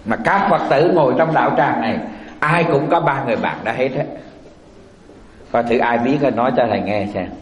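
A Buddhist monk giving a folksy sermon, often asking the audience rhetorical questions. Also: male voice, medium pitch, fairly quick, a little hiss or hum. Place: temple hall. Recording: echoey hall.

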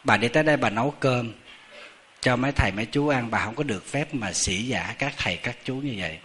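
A middle-aged man, a Buddhist monk with a Southern Vietnamese accent, telling a story in a chatty, animated sermon that often turns to the audience. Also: medium pitch, a little fast.

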